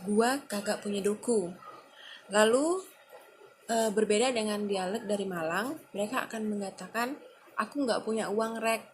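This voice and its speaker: A woman's voice: mid-range voice, a little hiss or hum. Hesitant woman student presenting. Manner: explanatory, with frequent hesitations. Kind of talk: class presentation.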